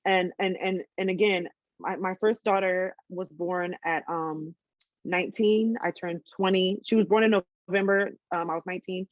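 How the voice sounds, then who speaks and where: A woman's voice: fairly low pitch, fairly even intonation, normal speed, dry recording, dull audio. A woman in her twenties telling a personal story in a casual interview, candid, with many ums and restarts. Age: 20s.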